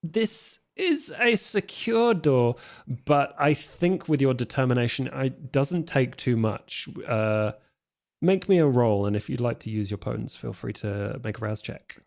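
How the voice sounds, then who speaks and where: A man narrating as storyteller of a tabletop game in a loose, unhurried way, with many fillers. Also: mid-range voice, gravelly, darkish tone.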